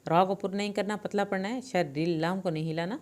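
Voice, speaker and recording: A woman's voice: mid-range voice, fairly even intonation, darkish tone. A woman teaching Quranic recitation with tajweed, explaining the pronunciation of each word patiently and step by step. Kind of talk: Quran recitation lesson with slow drawn-out recitation.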